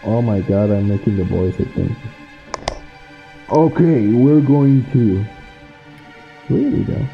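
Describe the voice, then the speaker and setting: A man casually commenting on a video game playthrough, expressive, giggly and given to swearing. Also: mid-range voice, slow, creaky, pauses often, lo-fi sound, soft background music. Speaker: game streamer. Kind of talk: casual playthrough commentary, reading dialogue aloud.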